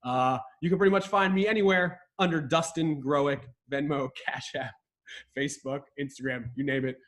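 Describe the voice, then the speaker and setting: A man's voice: on the high side, fairly even intonation, moderate pace, fairly bright tone. A man from Ohio hosting a casual livestream dinosaur lesson over a video call, chatty and joking with viewers from a room in a rented home. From Ohio, USA. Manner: enthusiastic, jokey, chatty with viewers. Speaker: host and dinosaur educator. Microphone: video call setup.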